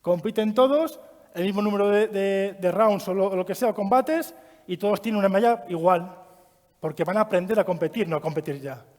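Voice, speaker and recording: A man giving a training talk to an audience, lively and asking them questions as he goes. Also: high voice, brisk. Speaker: trainer giving a child-protection course. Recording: long hall reverb.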